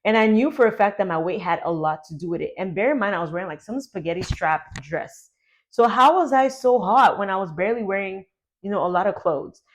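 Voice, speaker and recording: A young adult woman telling a personal story to her vlog audience in a chatty, animated way, full of "like". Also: medium pitch, a little fast. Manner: chatty, animated, heavy use of "like". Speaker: YouTuber.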